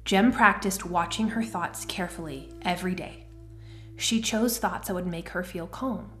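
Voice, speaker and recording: A woman narrating a children's storybook in a gentle, even-paced reading. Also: fairly low pitch, normal speed, faint music behind.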